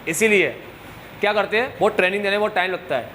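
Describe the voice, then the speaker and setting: A man's voice: sits high, fast talker, sharp tone, a little hiss or hum. A man teaching a commerce class to students, joking and scolding them now and then, with English terms mixed into his talk. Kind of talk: classroom lecture.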